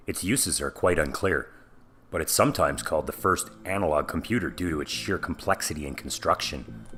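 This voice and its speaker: A man with a fairly low voice narrates a scripted facts video in an upbeat, lightly playful way. Soft music plays quietly beneath his voice. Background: background music.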